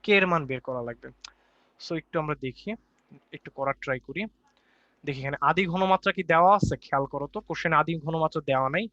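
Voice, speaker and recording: A man's voice: a little high, fairly quick, bright, forceful tone, no echo, dull audio. A young man with a Bangladeshi Bengali accent teaching chemistry in a live online lecture, chatty and repeating his points, slipping English terms into his speech. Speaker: chemistry tutor.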